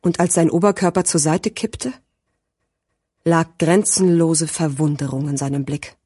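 Husky woman narrating a crime audiobook. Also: sits low, fairly even intonation, measured pace, dark tone, no room sound, studio quality.

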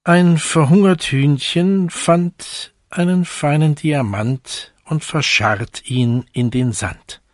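A man's voice: fairly high pitch, slow, hardly any pauses, no echo, clean studio sound. A man reciting fables and short poems in a declamatory, dramatic manner.

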